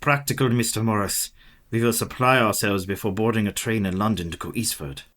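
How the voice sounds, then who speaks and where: An actor playing an old, determined professor and vampire hunter in a radio play, formal and deliberate. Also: male voice, lowish voice, fairly bright tone, natural voice. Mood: resolute.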